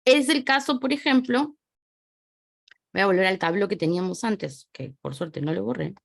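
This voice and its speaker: A woman with an Argentine Spanish accent teaches French phonetics in a chatty, lively online lesson from a small home study desk, drifting off-mic as she writes. Her mid-range voice is gravelly and moves at normal speed, recorded cleanly in studio quality with no echo.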